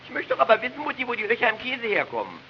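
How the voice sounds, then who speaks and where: A man's voice: wildly swooping pitch, rapid-fire, exaggerated voice. A man voicing a whiny, curious little boy who keeps pestering at the dinner table. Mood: whining. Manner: whining, pestering, shrill. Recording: dull noisy old record.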